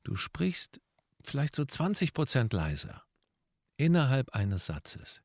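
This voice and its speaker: A man hosting a coaching podcast, talking straight to the listener with emphatic stress and shifts between loud and soft. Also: medium pitch, big pitch swings, a little slow, no room sound, clean studio sound. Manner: addresses listener directly, emphatic, shifts loudness to demonstrate. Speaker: podcast host and professional speaker.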